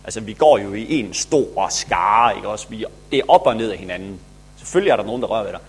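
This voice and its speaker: A man's voice: fairly low pitch, animated, breathy edge, voice pushed down. A man putting on a cool, drawling disciple. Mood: dismissive. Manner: drawling, dismissive. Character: cool laid-back male disciple, grown man.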